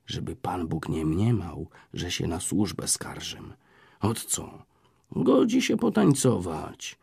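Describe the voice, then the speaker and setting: Man reading as a bold, jovial young cavalier for a storybook, gravelly and low, raised and lively in his coaxing. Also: no room sound, studio quality, full character voice. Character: bold, hearty young cavalier courting a shy girl.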